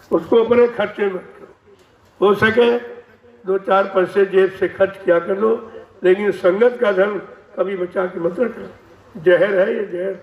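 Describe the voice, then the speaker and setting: A man with a high but flat voice delivers a devotional sermon slowly, warning his listeners. He speaks from some distance away from the mic. The recording is dull and lo-fi, with heavy echo from a large hall. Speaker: spiritual teacher.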